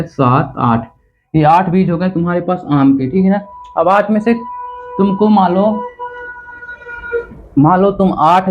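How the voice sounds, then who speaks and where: Chatty male math teacher, tinny sound. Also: fairly high pitch. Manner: chatty, teasing, repeats "theek hai na" to check understanding. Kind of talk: classroom math lesson.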